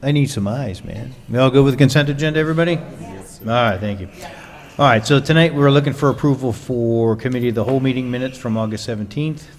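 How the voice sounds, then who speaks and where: A man serving as mayor chairs a city council meeting in a relaxed, joking way, with plenty of fillers. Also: lowish voice. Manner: relaxed, jokey, many fillers. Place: council chamber. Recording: long reverb in a council chamber, faint noise.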